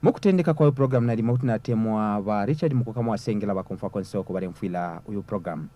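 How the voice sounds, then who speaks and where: Zambian guy hosting a program, talks fast, dark mellow voice. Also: lowish voice, a little hiss or hum. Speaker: radio-style programme host. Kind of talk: programme presenting.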